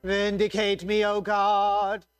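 A man leading a church service as liturgist, solemn and measured in his chanted and spoken prayers. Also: high voice, completely flat delivery, smooth. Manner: solemn, measured, reverent delivery. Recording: echoey church-like reverberant space, faint music.

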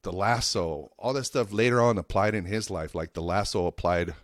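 Casual and anecdotal, a stand-up comic from the Reno and Lake Tahoe area of Nevada, United States, rambles earnestly on a podcast, using slang and some swearing. His voice sits low at a moderate pace, with a crowd audible in the background.

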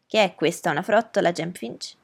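A woman's voice: mid-range voice, brisk, gravelly. A woman voicing a stern, bustling housekeeper who speaks in a firm, raised, commanding way.

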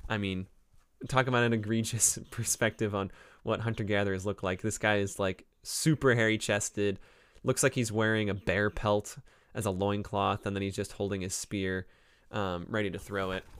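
With a fairly low, slightly bright voice and a clean tone, this man hosts a casual book review podcast in the role of an anthropology professor. He's chatty and digressive, full of ums and uhs, recording live from his home library.

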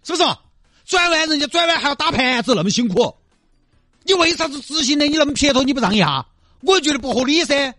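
A man's voice: very high-pitched, expressive, fast, bright, forceful tone, no echo, exaggerated voice. A man playing a pushy, chummy wealthy driver who insists on taking the blame and keeps calling the other man brother. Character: brash wealthy male Audi driver, pushy and generous. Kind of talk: comedy skit.

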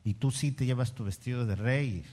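A man's voice: mid-range voice, normal speed, mellow, voice pushed down, lightly acted. A preacher playing a stubborn, scheming ancient king in a casual retelling. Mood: irritated. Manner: casual storytelling, slangy.

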